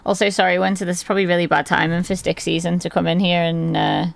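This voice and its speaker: A woman streamer with a hoarse, gravelly voice chats casually with her live viewers from her desk, rambling and laughing often. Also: fairly low pitch, flat delivery, fast. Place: at a desk indoors.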